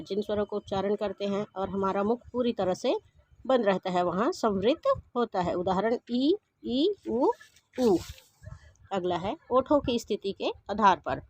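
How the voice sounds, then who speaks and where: A woman teaching a Hindi grammar lesson, explaining each point slowly and restating it in simpler words. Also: mid-range voice. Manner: slow, methodical, repeats each point. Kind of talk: explaining grammar over slides.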